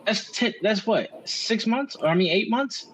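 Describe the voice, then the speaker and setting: Animated slangy man on a podcast. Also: high voice, a little slow, breathy edge, low-quality recording. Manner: animated, slangy, swears freely. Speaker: podcast co-host. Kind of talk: casual wrestling chat.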